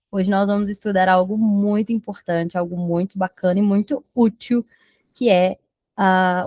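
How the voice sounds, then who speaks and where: A Brazilian woman teaches English, moving between Portuguese explanations and slow, careful English examples. Her voice sits in an ordinary middle pitch. The recording is close and dry. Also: a little mellow, dry recording. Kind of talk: bilingual language lesson.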